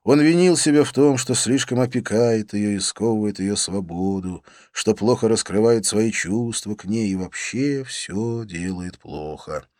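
Calm male audiobook narrator. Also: lowish voice, a little slow, hardly any pauses, no echo, clean studio sound. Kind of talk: first-person novel narration.

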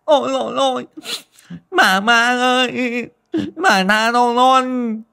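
A terrified young village woman wails and begs in a shrill, high falsetto, as a male storyteller puts her on. She stretches her pleas out slowly between sobs. She sounds frantic and helpless. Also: fairly even intonation, creaky, pushed and bright, clean tone, full character voice. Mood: pleading. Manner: sobbing, pleading, high falsetto.

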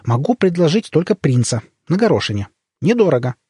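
A cheeky young woman with a raised, bright voice, as a male storybook reader puts her on, snapping back with bold, mocking quips. Her husky edge stays under the high tone, and the sound is dry and close to the mic. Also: very animated, dry recording, heavily acted. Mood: sassy. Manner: bold, quick-witted, mocking. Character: brash, sleepy, sassy young woman.

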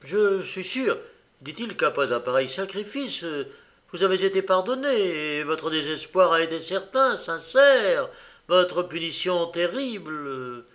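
A man's voice: high voice, sing-song, a little slow, fairly bright tone, voice pushed up, heavily acted. Earnest young man, as a reader puts him on. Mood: persuasive. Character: calm young man urging a bold test.

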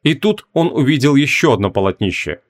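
A man narrating an audiobook expressively, dropping to lower tones for some characters. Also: animated, a little fast.

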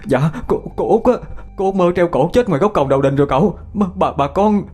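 A man's voice: fairly high pitch, fairly quick, darkish tone, slightly rough, faint music behind, voice pushed up. A man doing a stammering panicked servant boy.

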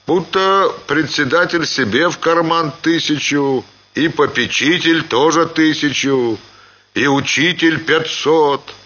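A man voicing a gruff, distrustful old peasant carter who talks in a folksy way. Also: on the high side, slow, sharp tone, muffled recording, pitched above the performer's own voice, heavily acted. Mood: grumbling.

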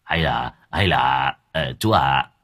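A man voicing a scruffy, broke middle-aged male vagrant who stammers and pleads in a hushed tone. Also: very deep voice, slow, pitched below the performer's own voice, exaggerated voice. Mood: sheepish pleading.

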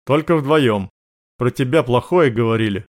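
A man voicing an older male guard boss, calm, flat and matter-of-fact. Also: medium pitch, moderate pace, close to an everyday voice.

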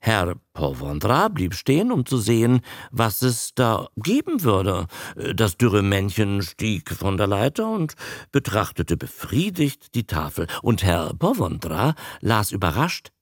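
A man reading a story aloud in a lively, animated way. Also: on the low side, unhurried, dry recording, clean studio sound. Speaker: narrator.

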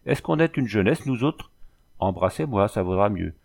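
A man's voice: on the low side, expressive, normal speed, gravelly, darkish tone. A man voicing a homely, chatty old peasant mother who talks in rustic country dialect, in an audiobook reading. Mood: fussing, doting.

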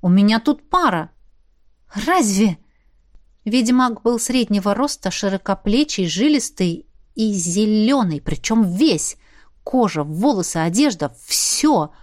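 A woman narrating a fantasy romance audiobook in first person, expressive and lively. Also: medium pitch.

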